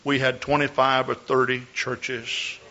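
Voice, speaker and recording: Male pastor preaching to his church, bright high voice, muffled lo-fi tape. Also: little pitch movement, measured pace. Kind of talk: Pentecostal church sermon and exhortation. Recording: dull, lo-fi church recording.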